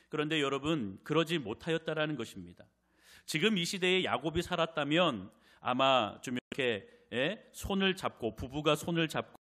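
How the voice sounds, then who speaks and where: A man preaching a sermon in a church as pastor. He tells stories in an animated way and often turns to speak directly to the congregation. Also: on the high side.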